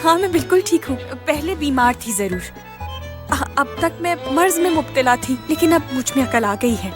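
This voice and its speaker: A flustered young woman, as a woman dubs her for a TV drama, stumbling and pleading in a high voice. Clear music plays under her lines. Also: expressive, normal speed. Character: anxious young woman wooing an older woman's favor. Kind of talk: dubbed TV drama.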